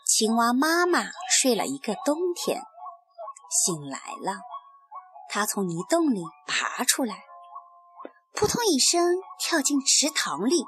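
Slow, sing-song storytelling mother. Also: on the high side. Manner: slow, expressive, sing-song reading for a small child. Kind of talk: children's story reading. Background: music.

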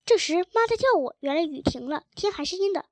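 High-voiced woman reading a novel. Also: expressive, fast talker, darkish tone, no echo. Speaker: audiobook reader. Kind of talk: first-person novel narration.

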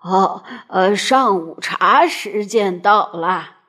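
Woman as plump puffing doctor for a storybook reading, deep and very slow, greedy and breathless. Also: lively intonation, a bit bright. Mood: wheezy, greedy. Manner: puffing, drawn-out, with grunting fillers.

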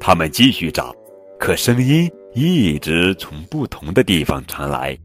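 A man hosting a children's picture book reading, telling the story with animated delivery. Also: deep voice, a little slow. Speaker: storyteller host. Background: faint background music.

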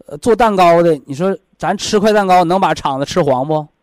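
A man's voice: high-pitched, a little fast, a little mellow, dry recording. A man with a Northeastern Chinese accent giving folksy health advice to a caller, colloquial and repeating himself as he explains with homely analogies. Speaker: health expert advising callers on a radio programme.

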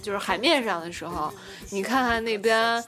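A young woman hosting a casual podcast chat, telling a story in an animated way and acting out what others said. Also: mid-range voice, normal speed, over music. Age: young adult. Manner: animated storyteller, acts out quoted dialogue. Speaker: podcast host.

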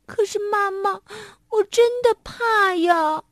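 A woman's voice: very high voice, moderate pace, fairly bright tone, no echo, clean studio sound, voice pushed up. A woman voicing a timid little boy monkey in a storybook, whimpering and tearful. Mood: frightened, tearful.

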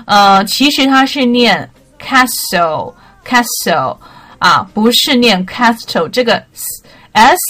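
Slow-spoken woman teaching pronunciation. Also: a little high, a bit bright. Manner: slow and deliberate, spells words letter by letter; mixes Mandarin with English words. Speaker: English pronunciation teacher, podcast host. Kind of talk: casual spoken English lesson.

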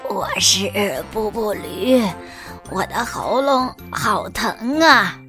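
A woman storyteller voicing a hoarse little donkey with a sore throat, calling out muffled from behind a closed door. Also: medium pitch, lively intonation, slow, music in the background, voice pushed down. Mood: pleading. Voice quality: husky, rasping. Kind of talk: children's bedtime storytelling.

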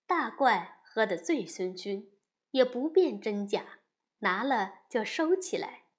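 Woman narrator for a storybook podcast: slow, animated, high-set. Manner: slow, expressive reading.

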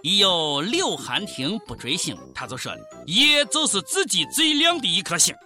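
A female radio host delivers comic scripted commentary in Shaanxi dialect, cheeky and theatrical, full of exclamations. Her voice is fairly low and sharp, very animated at a normal speed, with soft background music playing.

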